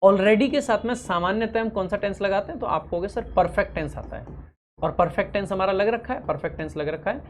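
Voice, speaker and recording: A man teaching an exam-prep grammar lesson, explaining briskly and reading each example sentence slowly and deliberately. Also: high-pitched, slight background noise. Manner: addresses students familiarly, poses questions and answers them himself. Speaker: English teacher.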